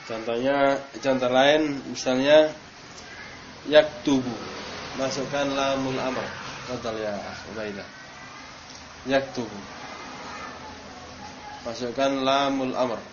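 A man's voice: mid-range voice, fairly even intonation, slow, long pauses. A man teaching Arabic grammar to a class, quizzing students by name and stressing drill words. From Indonesia. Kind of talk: classroom lesson. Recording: dull noisy classroom recording.

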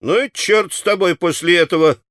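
A man's voice: high-pitched, a little fast, fairly bright tone, no room sound, studio quality, voice pushed up. A man voicing a self-assured, mocking teenage boy in an audiobook. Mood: cocky. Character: cocky clever teenage boy, bossy.

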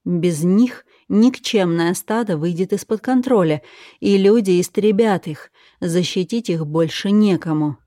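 Low, warm-toned female zealot, slow and scornful, as an audiobook reader puts her on, a dry close read. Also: dry recording, lightly acted. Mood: zealous. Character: fanatical cruel woman jailer, scornful.

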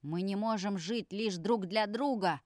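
Woman reading a hot-headed young vampire guy, yelling and pleading, high strained voice, dry audiobook sound. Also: moderate pace, no echo, lightly acted. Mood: angry pleading. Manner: shouting, pleading outbursts. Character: young male vampire, furious and tearful.

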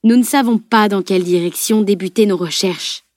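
A woman reading an audiobook, voicing a steady, practical male warrior in a firm, matter-of-fact tone. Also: medium pitch, normal speed, no room sound, clean studio sound, close to an everyday voice. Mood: grave.

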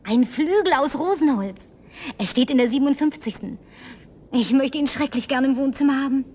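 A woman's voice: sits high, normal speed, darkish tone, lightly acted. An actress playing a lonely, house-proud young woman in a German radio drama, coaxing and effusive with sighs. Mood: eager.

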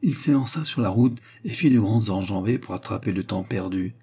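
A man reading a classic novel aloud in a measured, even manner. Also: fairly low pitch, creaky, slightly rough. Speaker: audiobook narrator.

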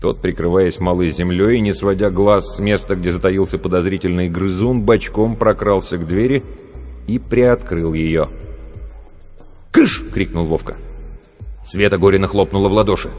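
A man narrating a story as an audiobook in an expressive storytelling manner. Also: on the low side. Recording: long reverb, faint music.

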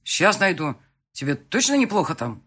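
A man voicing an oblivious young fiancé in an audiobook, calling loudly through a door with a husky voice. The pitch climbs and swings as he calls out with worried insistence. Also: very animated, moderate pace, full character voice. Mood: puzzled. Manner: loud, calling from behind a door. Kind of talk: audiobook dialogue reading.

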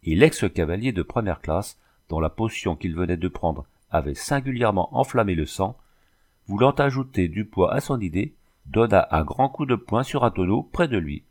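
A man reading a classic novel aloud as an audiobook narrator, in steady, measured storytelling. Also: lowish voice. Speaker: audiobook reader. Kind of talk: scripted narration.

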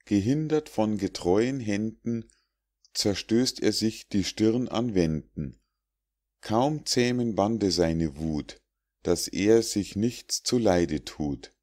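A man narrating an audiobook of rhymed fables in a deep, low voice. He reads slowly and deliberately, giving the verses a measured, declamatory cadence. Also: expressive, a little mellow.

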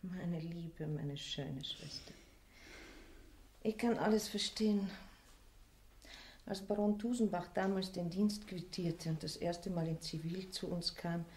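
An actress playing a steady, consoling eldest sister in a 1960s radio drama, speaking in a soothing, earnest way. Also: female voice, medium pitch, gravelly, a little hiss or hum.

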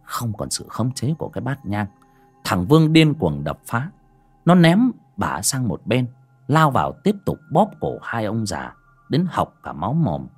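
Husky man narrating a horror story. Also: mid-range voice, huge pitch swings, measured pace, faint music behind. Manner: dramatic storytelling.

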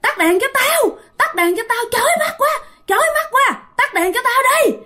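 A woman's voice: very high-pitched, lively intonation, normal speed, bright, forceful tone, voice pushed up, full character voice. A woman voicing a possessed young woman, a ghost who screeches her demands. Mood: shrieking.

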